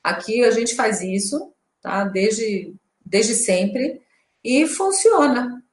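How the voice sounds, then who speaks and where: A woman's voice: on the high side, animated, drawn-out words, reverberant. A woman, a mother, talking earnestly and chattily about parenting on a live stream. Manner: chatty, earnest, with many fillers. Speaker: co-host and mother.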